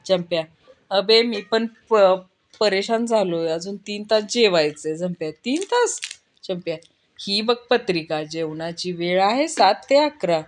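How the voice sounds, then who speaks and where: A woman reading short jokes aloud, dropping low and soft to name each speaker. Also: animated, unhurried. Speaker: joke reader.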